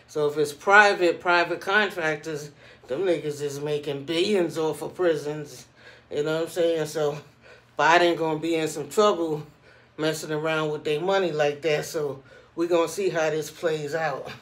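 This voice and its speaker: A man's voice: fairly high pitch, steady tone, moderate pace, a bit bright. A middle-aged man giving casual, rambling commentary as a vlogger in informal street slang. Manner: informal street slang, repeats "you know what I'm saying".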